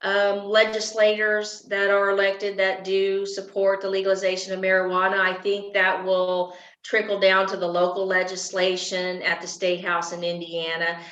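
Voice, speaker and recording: Being interviewed for her run for office, a woman chats casually, laughs a lot, and describes herself as loud. Her medium-pitched voice is completely flat, at a moderate pace with hardly any pauses, captured in a dull, echoey lo-fi recording.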